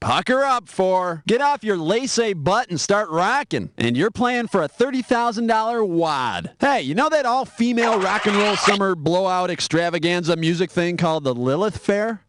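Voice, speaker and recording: A sarcastic, high-voiced quiz game host. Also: male voice, expressive, moderate pace, few pauses, noisy background. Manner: sarcastic, jokey, teasing the player. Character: wisecracking adult male quiz show host, sarcastic and brash. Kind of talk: scripted wisecracking quiz hosting. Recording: loud game music underneath. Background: loud game show music.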